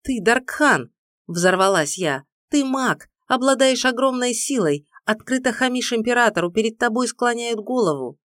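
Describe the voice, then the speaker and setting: A woman's voice: a little high, lively intonation, moderate pace, hardly any pauses, no room sound, clean studio sound, voice pushed up, close to an everyday voice. A woman voicing a young orphan heroine, agitated and pleading in tense outbursts. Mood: indignant.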